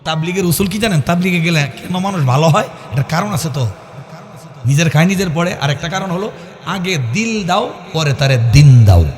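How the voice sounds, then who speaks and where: A male Islamic preacher, delivering a sermon that swings between loud sing-song chanting and low conversational asides. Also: expressive, a little fast. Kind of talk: melodic sermon at a religious gathering. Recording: reverberant PA sound with faint music.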